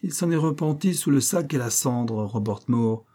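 A man voicing a stern, sharp-tongued middle-aged mother with a dry, scolding manner. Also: medium pitch, lively intonation, normal speed, breathy edge, pitched above the performer's own voice. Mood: wry.

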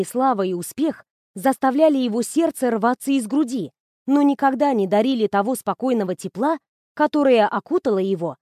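High-voiced woman narrating an audiobook. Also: no echo, clean studio sound. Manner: expressive, smooth storytelling.

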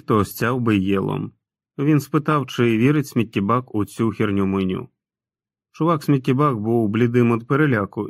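A man's voice: medium pitch, no room sound, studio quality. A man reading an audiobook in a dramatic, storytelling manner. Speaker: audiobook narrator. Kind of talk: scripted narration.

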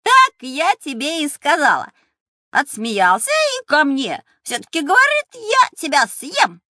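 A cheeky little mystery creature. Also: female voice, high-pitched, no room sound, studio quality, full character voice. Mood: storytelling. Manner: quick, teasing, lively storytelling. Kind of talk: radio play acting.

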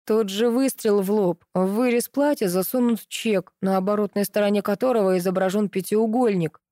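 Woman reading as a calm male police officer. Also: mid-range voice, moderate pace, no room sound, natural voice. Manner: calm, matter-of-fact reasoning. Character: level-headed adult male police officer, ex-husband. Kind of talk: audiobook dialogue reading.

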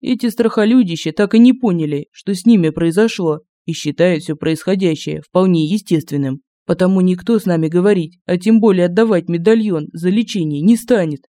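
A woman's voice: lowish voice, a little fast, few pauses, dark tone, no room sound, natural voice. A woman voicing a resolute young male thief. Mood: decisive. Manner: decisive, businesslike. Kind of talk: audiobook character voice.

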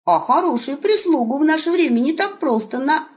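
Brash young wolf lad in a storybook , voiced by a woman, high and bouncy, slangy and cheeky, muffled sound. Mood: puzzled. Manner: slangy, excited, quick. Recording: muffled lo-fi recording.

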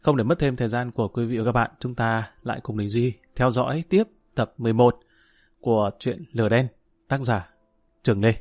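A man narrating an audiobook in a measured, steady storytelling voice, with hesitant fillers when he addresses listeners. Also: medium pitch, dry recording.

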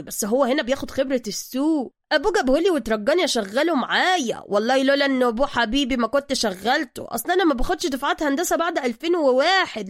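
Brief: a woman playing a loud, abusive Egyptian master mechanic in an audio story, high-pitched and booming, talks at a fast clip. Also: no echo, studio quality. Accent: Egyptian Arabic. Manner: shouting, boastful, abusive. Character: loud bossy male master mechanic, hot-tempered.

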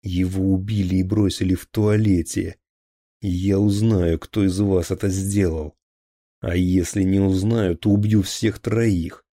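A man voicing an enraged police captain who roars slow, violent threats. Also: deep voice, fairly even intonation, dark tone, dry recording. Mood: roaring threats.

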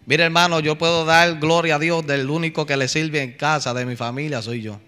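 A man's voice: on the high side, fairly even intonation, a little fast, pushed and bright, clean tone, faint music behind. A man preaching a fervent, emotional testimony in a pleading manner. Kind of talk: sermon testimony.

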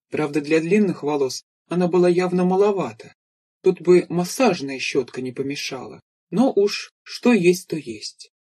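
A man reads an audiobook in steady, measured narration. His voice is husky and breathy and sits somewhat high for a man. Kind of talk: scripted narration.

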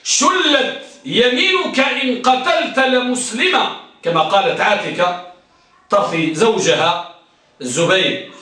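High, bright man teaching in an echoey room. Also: unhurried, distant mic. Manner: explanatory, repeats words, asks the class questions. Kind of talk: grammar lesson lecture.

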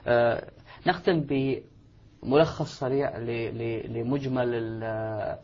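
A man presenting a scholarly lesson, giving brief acknowledgements and measured prompts. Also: mid-range voice, a little mellow, a little hiss or hum. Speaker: program presenter. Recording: muffled lo-fi audio.

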